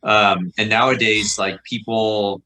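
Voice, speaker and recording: A man's voice: fairly low pitch, steady tone, takes it slowly, sharp tone, low-quality recording. A middle-aged man chatting as a podcast guest, a teacher talking in a rambling, reflective way full of fillers. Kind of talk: casual conversation.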